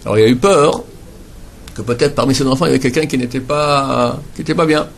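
A man teaching a lesson on prayer, patiently repeating words slowly to model how they should be pronounced. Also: mid-range voice, creaky, a little hiss or hum. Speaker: Torah teacher.

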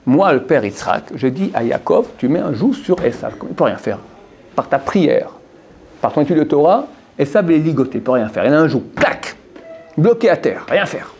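A man's voice: a little high, sing-song, normal speed, a little mellow, slight background noise. A man giving a Torah lesson to a group of men, repeating phrases and putting questions to his listeners. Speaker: Torah teacher.

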